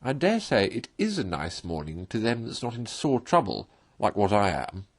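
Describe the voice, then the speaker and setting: A man's voice: lowish voice, big pitch swings, moderate pace. A man voicing a sly toad who poses as a troubled washerwoman, wheedling in rustic turns of phrase in a read-aloud storybook. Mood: plaintive, wheedling. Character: Toad, sly boastful animal posing as a distressed washerwoman.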